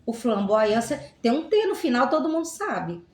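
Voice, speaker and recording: Animated teacher in an echoey room. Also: female voice, a little high, normal speed. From Goiás, Brazil. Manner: animated, teacherly, asks rhetorical questions, playful examples. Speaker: Portuguese teacher, guest. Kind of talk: casual explanatory chat.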